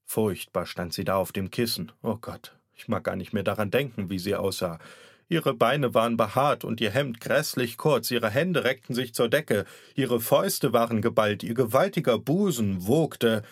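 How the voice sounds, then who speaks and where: A man's voice: mid-range voice, moderate pace, husky, no room sound, clean studio sound. A man narrating a satirical story as an audiobook reader, in a wry, theatrical manner. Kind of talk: scripted narration.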